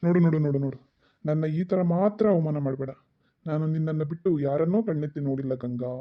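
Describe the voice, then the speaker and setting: A man's voice: a little high, fast talker, dull audio, close to an everyday voice. A man voicing a joking, henpecked village father in a cartoon, whining and pleading with his wife. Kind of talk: cartoon voice acting.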